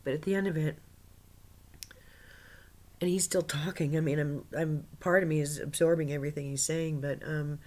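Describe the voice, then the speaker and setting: Low-voiced woman, halting and whispery. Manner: halting, restarts often, drops into soft whispers; laughs often, excitable in places. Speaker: spiritual author recounting a meditation. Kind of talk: unscripted personal recounting.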